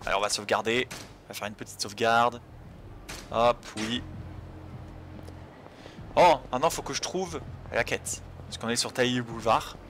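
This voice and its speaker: A man's voice: mid-range voice, steady tone, moderate pace, long pauses, fairly bright tone, slight background noise. A man giving casual running commentary as he plays a video game, talking to himself with frequent hesitations. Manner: mumbled running self-talk with frequent hesitations. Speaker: let's play host.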